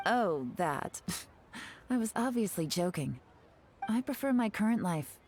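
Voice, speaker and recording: A woman's voice: medium pitch, sing-song, measured pace, a little mellow, slight background noise. A woman voicing a cool, sly secret agent in a video game, poised and teasing, with a taste for danger. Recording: game music behind the voice.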